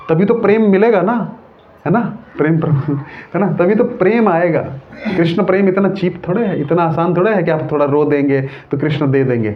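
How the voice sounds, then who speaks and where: Male monk preacher, devotional sermon, lively storytelling, keeps checking in with listeners; lo-fi phone-like recording. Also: a little high. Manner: animated storytelling with frequent "है ना?" prompts to listeners. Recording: tinny phone-like audio.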